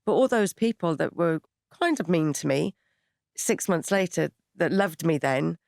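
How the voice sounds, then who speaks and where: An English man hosting a casual podcast chat, relaxed and chatty, often agreeing with his guest. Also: on the high side, a little slow, gravelly, dry recording. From England. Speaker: podcast host.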